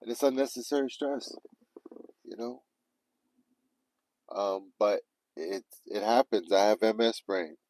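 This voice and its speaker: A man talks casually on a livestream, recounting a mishap with lots of cursing and quoted self-talk. His voice sits low and mellow, and the sound is close and dry with no room echo. He swings between hushed retelling and lively asides to his viewers. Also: unhurried, long pauses. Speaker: livestream vlogger.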